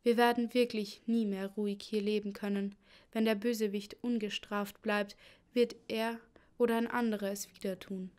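A woman's voice: medium pitch, little pitch movement, moderate pace, a little mellow, lightly acted. A woman voicing a clever, loyal lady's maid who speaks grimly and earnestly. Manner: grim, earnest.

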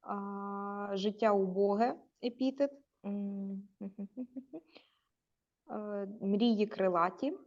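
A woman's voice: medium pitch, darkish tone. Hesitant woman answering in class. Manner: hesitant, many pauses and fillers. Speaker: student. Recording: dull lo-fi sound.

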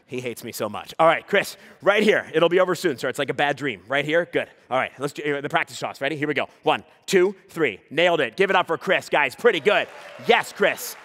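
A man's voice: on the high side, animated, a little fast, fairly bright tone. A man performing a live comedy juggling act, teasing a volunteer in playful banter and hyping the crowd. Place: live stage before an audience.

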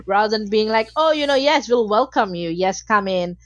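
A woman's voice: mid-range voice, moderate pace, highs cut off, a little hiss or hum. A woman from Malaysia, a podcast guest talking casually and emphatically with many fillers. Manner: animated, emphatic, frequent fillers. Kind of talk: casual interview talk.

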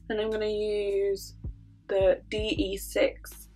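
A woman's voice: mid-range voice, completely flat delivery, slow, dark tone, faint music behind. A woman with a congested, sniffly voice chatting casually through a makeup tutorial, filling her talk with "um" and "like". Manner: chatty, many fillers like "um" and "like". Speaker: makeup vlogger.

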